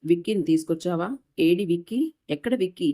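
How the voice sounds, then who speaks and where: A woman reading a story aloud voices a furious, bossy young wife who scolds and shouts. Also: on the low side, a little fast, lightly acted. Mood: demanding.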